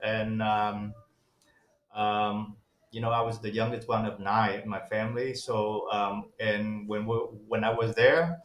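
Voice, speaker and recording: A man's voice: on the low side, level tone, measured pace, a bit bright, echoey room. A man in his forties from Vietnam, a non-native English speaker, talking casually as an interview guest with many fillers and restarts. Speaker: guest dentist.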